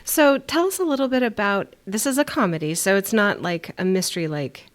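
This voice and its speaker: A woman's voice: medium pitch, a little fast. A woman co-hosting a podcast interview, asking friendly guiding questions. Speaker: podcast co-host. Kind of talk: casual interview.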